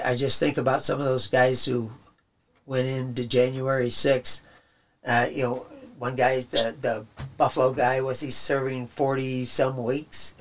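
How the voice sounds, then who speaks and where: A man preaching in a rambling, conversational way with chuckles, his voice going hoarse. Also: mid-range voice, a bit bright. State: losing his voice. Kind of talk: radio sermon talk.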